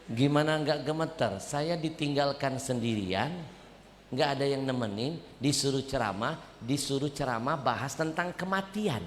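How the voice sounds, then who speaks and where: A male preacher telling a story in a sermon, in an animated, comic way. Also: mid-range voice, moderate pace, slight background noise. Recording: echoey hall, faint ambience.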